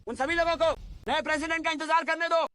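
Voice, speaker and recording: An actor playing a loyal old family servant who has found his lost young master, hurried and deferential. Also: very high voice, steady tone, bright, forceful tone. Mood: urgent devoted. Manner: hurried, deferential, commanding to underlings. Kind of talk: dubbed short drama.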